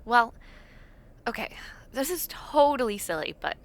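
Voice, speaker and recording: A woman with a slightly high voice sounds very animated but unhurried. Playing an awkward, imaginative young university dormmate in a casual, intimate audio roleplay, she chats playfully, hesitantly and self-deprecatingly.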